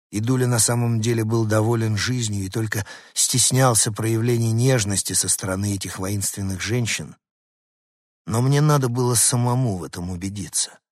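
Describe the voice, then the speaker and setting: Male narrator, husky, animated, dry close sound, storybook. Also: fairly low pitch, no room sound. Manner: expressive storytelling. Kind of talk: scripted narration.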